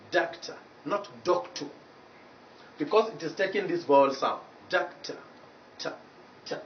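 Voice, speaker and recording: A man with a Nigerian English accent teaching English pronunciation in a TV lesson, slowly repeating each example word. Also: fairly high pitch. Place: TV studio. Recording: roomy echo, distant mic, dull lo-fi sound, faint noise.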